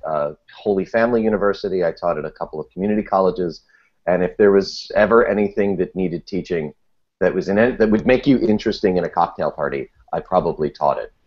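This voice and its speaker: A low-voiced man appears as a guest in a casual podcast interview, wry and self-deprecating as he rambles through false starts. The audio is somewhat dull, muffled, and lo-fi.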